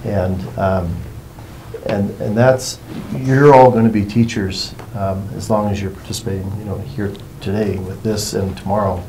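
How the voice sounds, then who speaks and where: Male workshop facilitator, low-pitched and soft-edged, informal meandering explainer, light room noise behind. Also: steady tone, moderate pace, low-quality recording. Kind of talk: informal explanatory talk to a group.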